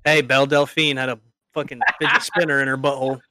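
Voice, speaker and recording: A man's voice: mid-range voice, little pitch movement, fast talker, bright, forceful tone, dry recording. A man co-hosting a podcast with friends, chatting casually and making crude jokes. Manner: crude, joking. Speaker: podcast co-host. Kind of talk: casual chat among friends.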